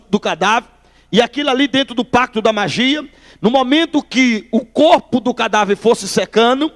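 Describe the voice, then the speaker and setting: Brief: high-voiced male preacher, storytelling testimony, long hall reverb. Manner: animated storyteller addressing listeners as brother. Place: church hall.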